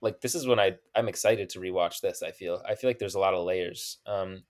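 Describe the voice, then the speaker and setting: A man's voice: low-pitched, fairly quick. A young man co-hosting a podcast, chatting casually about a film, peppering his talk with "like". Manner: chatty, frequent "like" fillers, laughs easily. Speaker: podcast co-host.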